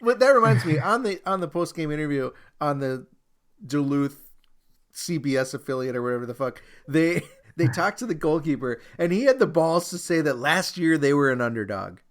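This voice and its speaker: Brief: male co-host, slightly high voice, loose, profane, joking banter. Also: lively intonation, normal speed. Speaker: podcast co-host. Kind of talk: casual sports podcast chat.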